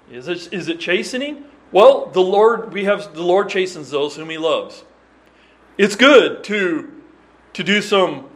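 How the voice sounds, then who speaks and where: A man preaching a sermon, earnest and emphatic, reading scripture in old-fashioned wording and often restarting his phrases. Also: sits high. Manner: restarts and repeats words while explaining.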